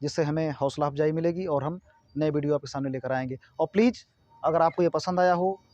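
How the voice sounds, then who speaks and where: Guy teaching english words, mellow slightly high voice, dry close sound. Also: steady tone, no room sound, muffled recording. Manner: slow, spelling words out letter by letter. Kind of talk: casual spoken lesson.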